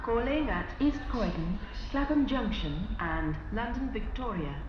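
A woman's voice giving train station announcements over a platform loudspeaker, in a measured, even announcing delivery. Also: medium pitch, highs cut off, music in the background. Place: outdoor railway platform. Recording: echoey PA over noisy platform. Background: train and station noise.

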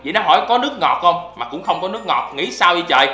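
A man doing excitable gameplay commentary as a YouTuber, often breaking into loud exclamations. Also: high-pitched, rapid-fire, echoey room, faint music behind. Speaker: gaming YouTuber.

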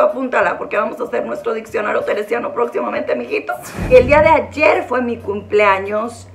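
A hoarse woman, her voice sitting high and breaking into gravelly fry. She talks to the camera in a casual, teasing vlog style, with showy, theatrical greetings. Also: fairly bright tone. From Sinaloa, Mexico. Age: 40s. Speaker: vlogger host.

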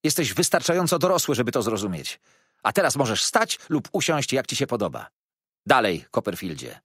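A man's voice: on the low side, big pitch swings, normal speed, a bit bright, breathy edge, no echo, clean studio sound, heavily acted. A man voicing a poor, meek male schoolteacher who scolds his class in a raised, trembling voice. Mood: indignant.

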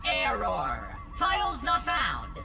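A woman's voice: medium pitch, wildly swooping pitch, slow pace, vocal fry, heavily acted. A woman voicing a cheerful lab robot as it stops to process and reads out memory error codes. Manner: cheerful, formal, stilted robot phrasing. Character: chirpy helpful lab robot, glitching. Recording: game audio with music behind.

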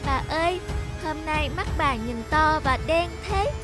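Cute naive little girl, high voice, polite, cartoon with music behind. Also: a little slow. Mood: polite, curious. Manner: bright-eyed, polite, childlike. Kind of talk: children's fairy-tale cartoon dub. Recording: music under the voice.

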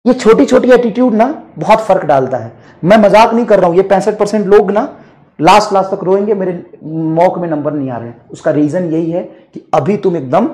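A man's voice: sits high, fairly quick, darkish tone. A man teaching physics in an online lecture, bluntly scolding his students.

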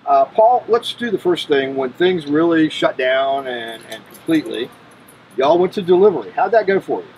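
A middle-aged man hosting a casual interview, easygoing and halting, often repeating words, on an outdoor patio. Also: a little high, lively intonation, a little mellow, a little hiss or hum, poor audio. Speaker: host. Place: outdoor patio by a brick wall.

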